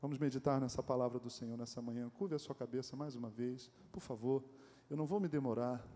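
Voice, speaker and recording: Animated Brazilian pastor preaching in an echoing church. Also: male voice, mid-range voice, quick pace. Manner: animated, joking, asks the congregation rhetorical questions. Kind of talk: sermon. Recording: echoey church hall.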